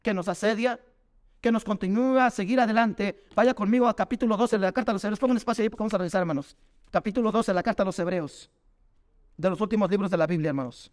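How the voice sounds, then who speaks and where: A male preacher delivers a sermon in a high-pitched voice. He keeps turning to his listeners as brothers and asks them question after question. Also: fast talker. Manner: keeps calling the audience "hermanos" and asks rhetorical questions.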